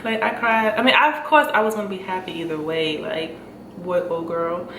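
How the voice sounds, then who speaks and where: This chatty young vlogger speaks a little fast in a fairly low, slightly bright voice with fairly even intonation, sprinkling in fillers and laughs as she talks to camera. A stuffy nose and shortness of breath are audible, and the sound is noisy and echoey from a far-off mic.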